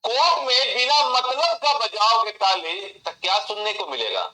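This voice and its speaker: Animated male memory teacher, bright voice. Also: high voice, moderate pace, roomy sound, low-quality recording. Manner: animated, addresses students by name, mixes English into Hindi. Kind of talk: online class teaching.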